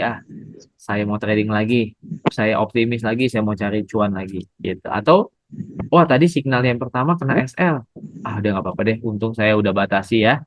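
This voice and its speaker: Pria pengajar trading yang sabar. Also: male voice, on the low side, dry recording, poor audio. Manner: patient, addresses audience as Bapak Ibu. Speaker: trading instructor. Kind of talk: live online trading lesson.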